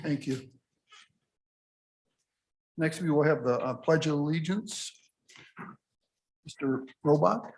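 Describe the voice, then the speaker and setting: Slow-speaking meeting chair. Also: male voice, fairly high pitch, darkish tone. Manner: brief, formal procedural announcements. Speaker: board chair. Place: county board meeting room.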